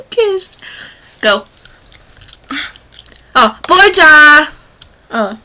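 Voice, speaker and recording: Giggly high-voiced North Welsh woman. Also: very animated, very slow, pushed and bright. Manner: giggly, playful, teasing. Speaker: vlogger. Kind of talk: casual chat.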